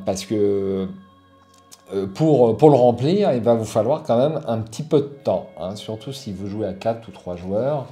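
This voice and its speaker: A middle-aged man hosts a casual product review on his board game channel. His voice sits in a middle register with a dark, mellow tone. He hesitates often, stacking fillers and restarting phrases, while faint music plays underneath. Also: mid-range voice.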